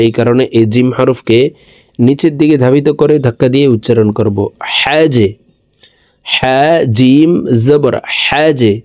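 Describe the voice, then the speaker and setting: A male teacher with a mid-range voice, recorded close and dry with no room sound. He stretches each syllable slowly as he spells out letters, then rushes through the rules in between. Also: medium pitch, dark tone, dry recording. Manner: slow, drawn-out syllable recitation between quick explanations. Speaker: Quran reading teacher.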